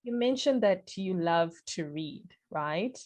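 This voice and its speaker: A woman's voice: on the low side, lively intonation, slow, darkish tone. A woman hosting a podcast, introducing and chatting with her guest in an enthusiastic, filler-heavy way. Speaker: podcast host. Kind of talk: casual interview chat.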